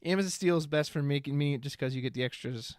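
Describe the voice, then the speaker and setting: A man's voice: a little high, quick pace, no echo, clean studio sound. A man streaming live, casually thinking aloud as he reads card text and chat comments. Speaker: streamer reviewing trading card spoilers.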